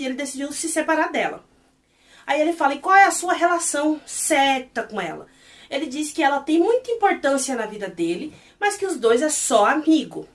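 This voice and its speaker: Fast, high-voiced Brazilian woman reviewing a series. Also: recorded from a distance. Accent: Brazilian Portuguese. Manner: animated, exasperated retelling of scenes. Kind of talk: casual spoken review.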